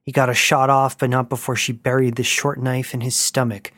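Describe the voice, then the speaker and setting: Guy reading a sci-fi story out loud, middle pitch, dry close mic. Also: level tone, fairly quick, no echo. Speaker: narrator.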